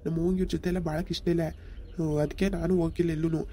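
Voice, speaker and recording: A protective young village son, as a man acts him out, talking fast. His voice is high and very mellow. He talks back sharply. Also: little pitch movement, slight background noise, lightly acted. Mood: firm. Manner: quick, defiant, protective.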